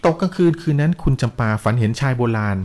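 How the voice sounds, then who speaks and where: Brisk man telling a ghost story. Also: fairly high pitch, animated, a little mellow. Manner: polite, dramatic storytelling with frequent polite particles. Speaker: storyteller host.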